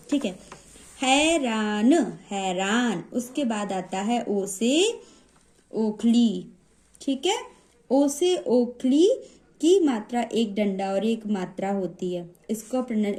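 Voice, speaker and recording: A woman's voice: a little high, mellow. A woman teaching children to read, patiently drawing out and repeating each example word and often checking that the listener is following. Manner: patient, stretches out example words and repeats them, frequent "okay?" check-ins. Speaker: Hindi teacher. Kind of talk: classroom-style reading lesson.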